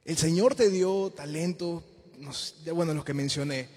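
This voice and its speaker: Animated male preacher in a reverberant hall. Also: on the high side, normal speed. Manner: animated, acts out quoted voices. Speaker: youth group preacher. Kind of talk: informal youth sermon.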